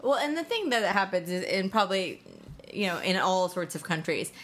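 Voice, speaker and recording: A woman's voice: fairly low pitch, sing-song, normal speed, a bit bright. Woman, podcast co-host, casual chat, opinionated, joking, laughs often.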